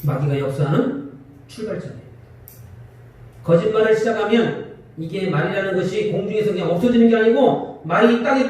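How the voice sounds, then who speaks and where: Pastor guy preaching, fairly high voice, lots of echo, sounds far from the mic. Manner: lively, asks the congregation questions and acts out quarrels. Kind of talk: sermon. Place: church sanctuary. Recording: echoey church hall from far off.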